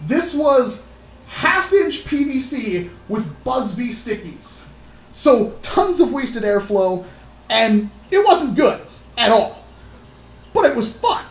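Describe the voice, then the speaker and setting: A woman telling stories on a casual livestream in an animated, rambling way, acting out other people's voices. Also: on the high side, slow. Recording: roomy echo.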